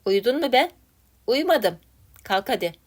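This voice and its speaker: Woman barking as gruff street thieves. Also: on the high side, sing-song, measured pace. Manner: barking orders, coarse. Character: gruff male street thieves, rough and commanding.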